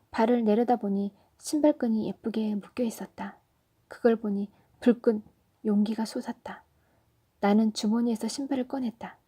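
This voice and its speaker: A woman storyteller reading a children's story aloud in a soft, often whispery narration. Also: mid-range voice, slightly rough.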